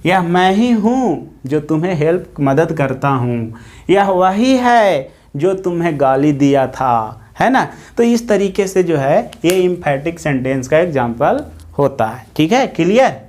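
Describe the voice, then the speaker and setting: A man teaches a grammar lesson. He talks at a slow, unhurried pace and repeats each example several times. He keeps checking in with his students as he goes. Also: a little high, sing-song, darkish tone. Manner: slow, repetitive explaining with many "theek hai" checks.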